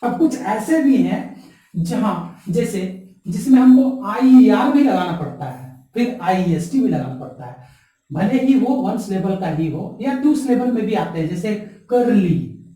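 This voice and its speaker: Slow echoey male teacher. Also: sits high, expressive, dark tone. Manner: spells words letter by letter, slow and explanatory. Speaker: English teacher. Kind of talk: classroom grammar lesson. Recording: very echoey room, voice from far off the mic.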